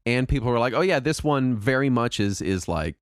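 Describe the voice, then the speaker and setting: A man hosting a podcast in casual, jokey, self-deprecating chat, his throat raspy from a cold. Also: mid-range voice, animated, fairly quick, no room sound, clean studio sound. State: sick with a mild throat cold and cough. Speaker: podcast host.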